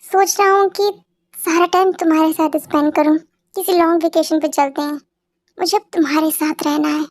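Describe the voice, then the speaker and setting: Female dubber as a sweet-talking grandpa husband, very high voice, gentle delivery. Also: fairly even intonation, normal speed, dry recording, clean studio sound, lightly acted. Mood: doting. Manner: tender, doting. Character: loving elderly grandfather husband. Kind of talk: amateur dubbed fan story.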